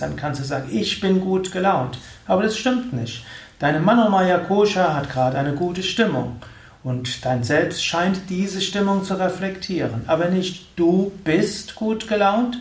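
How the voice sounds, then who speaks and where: Man, spiritual lecture, calm and instructive, repeats his points, higher voice, echoey room. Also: distant mic. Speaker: spiritual teacher.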